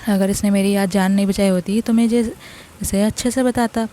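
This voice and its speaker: A woman's voice: medium pitch, fairly even intonation, a little fast, dark tone, natural voice. A woman voicing an arrogant young male idol stuck as a dog, grumbling insults in a cocky way.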